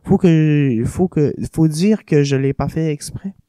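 A man's voice: fairly high pitch, unhurried, dark tone, clean tone, no echo, voice pushed up, natural voice. A man voicing a chatty, giddy young woman who gushes about her singing. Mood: gushing. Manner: chatty, gushing.

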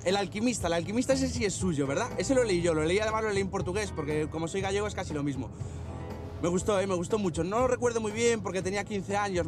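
Chatty Galician driver, played by an actor. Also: male voice, high-pitched, lightly acted. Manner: chatty, rambling, repeats himself. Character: talkative young male driver and would-be actor. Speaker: taxi driver. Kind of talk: film dialogue.

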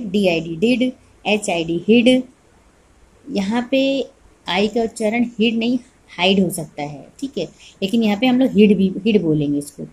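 Husky-voiced woman teaching phonics slowly. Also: mid-range voice, darkish tone. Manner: spells words letter by letter, then says them slowly; asks questions and answers them herself. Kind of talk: online kindergarten phonics lesson.

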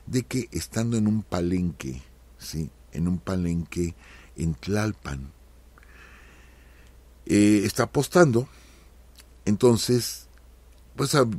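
Husky-voiced man telling history anecdotes. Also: fairly low pitch, sing-song, slow pace, pauses often, dark tone, no room sound. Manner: chatty, tags "¿sí?", addresses listeners as friends. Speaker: radio history host. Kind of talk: storytelling history talk.

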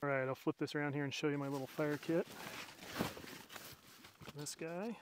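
A middle-aged man hosts an outdoors channel from a mountain campsite, narrating a casual bushcraft vlog and explaining his gear step by step in a chatty, self-deprecating way. His fairly high voice holds a steady tone at normal speed, with background noise. It's recorded on a camera mic, with a body cam and a camera on a tripod.

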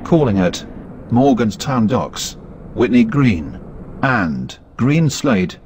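Slow male station platform announcer. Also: mid-range voice, very animated, a little mellow, a little hiss or hum. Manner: measured, evenly paced listing of stops. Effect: station platform public-address announcement. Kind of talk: recorded station announcement in a game.

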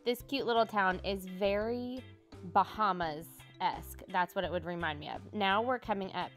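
A woman's voice: mid-range voice, moderate pace, a bit bright, soft background music. A woman giving chatty, appreciative travel vlog narration in a casual style. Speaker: travel vlogger.

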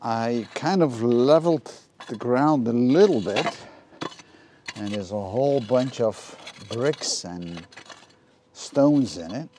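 A middle-aged man casually explaining a DIY renovation step by step while working outdoors, practical and a little halting with ums and uhs. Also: medium pitch, lively intonation, dark tone, slight background noise. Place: outdoors in a garden yard.

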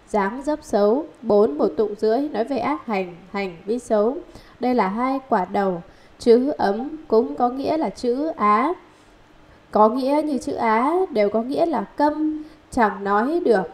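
A woman reading a Buddhist scripture commentary aloud in a measured, steady recitation, listing numbered points. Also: a little high.

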